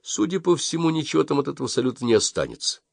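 A man voicing a calm, measured father in an audiobook. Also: on the high side, vocal fry, no room sound, clean studio sound, pitched above the performer's own voice, heavily acted. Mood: calm reasoning. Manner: measured, reassuring. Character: calm, solid father, middle-aged man.

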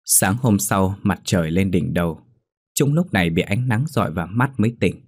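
Deep-voiced male ghost story narrator. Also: moderate pace, husky, no echo, studio quality. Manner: steady, dramatic storytelling.

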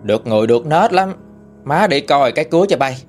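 A man with a Southern Vietnamese accent voicing a stern, sharp-tongued old woman who rules her family, in a ghost story, speaking in a bossy, blunt country way. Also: fairly high pitch, animated, fast, faint music behind, close to an everyday voice. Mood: commanding.

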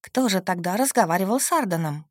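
A woman narrating a fantasy audiobook in the first person with steady, expressive storytelling. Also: medium pitch, fast talker, dry recording, clean studio sound.

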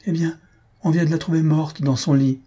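A man reading aloud and voicing a flustered, excitable middle-aged bourgeois man with high agitated exclamations. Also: normal speed, slightly rough.

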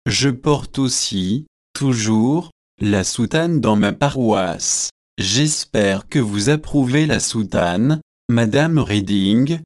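A solemn young clergyman who holds forth at an unhurried pace, read by a man. He sounds pompous and pleased with himself. The sound is dry and close. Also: mid-range voice, animated, no room sound. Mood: earnest. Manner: grave, self-satisfied delivery. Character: earnest young male curate, pompous.

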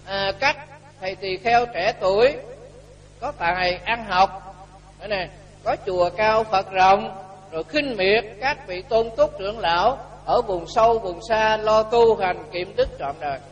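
A man's voice: high voice, measured pace, lo-fi sound. A man giving a Buddhist sermon, telling a story and acting out the dialogue. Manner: lively storyteller, acts out dialogue with rising and falling volume. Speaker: Buddhist monk giving a dharma talk. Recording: echoey hall with faint hum.

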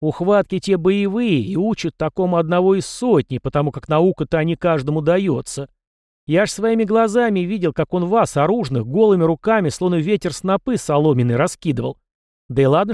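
A man reading an audiobook and voicing a stern middle-aged commander who scolds and scorns his young charge in a loud, raised voice. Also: on the high side, expressive, a little fast, dry recording, studio quality, voice pushed up, natural voice. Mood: scolding. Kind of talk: audiobook character voice.

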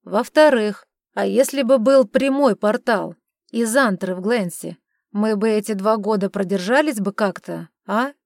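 Easygoing charming duke, read by a woman, coaxing, calm, storybook, dry sound. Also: mid-range voice, unhurried, creaky, no room sound. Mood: calm, persuasive. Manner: coaxing, placid. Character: lazy, charming middle-aged male duke. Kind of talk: audiobook character reading.

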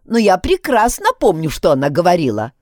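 A woman's voice: lowish voice, huge pitch swings, a little fast, darkish tone, no room sound, studio quality. Woman doing a stern pushy young man. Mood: pressing.

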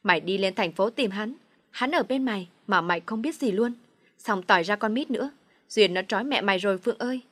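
A woman reading a storybook, voicing a blunt, excitable young woman who comforts her friend. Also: medium pitch, fairly quick, no echo, close to an everyday voice. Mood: excited. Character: young woman, brash, emotional loyal friend.

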